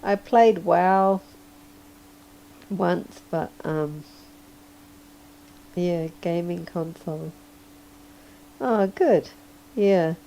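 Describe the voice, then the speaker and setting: A hoarse, sleepy woman rambles through a casual livestream chat as she draws, chuckling often. Her voice is gravelly and mellow, and she talks in an unhurried drawl. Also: fairly low pitch, a little hiss or hum. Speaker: livestreaming digital artist.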